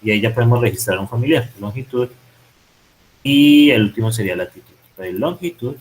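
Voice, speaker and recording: A man's voice: mid-range voice, brisk, poor audio. A man teaching programming, thinking aloud and correcting himself as he types code in a screen-recorded lesson. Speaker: programming instructor. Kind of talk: live-coding tutorial.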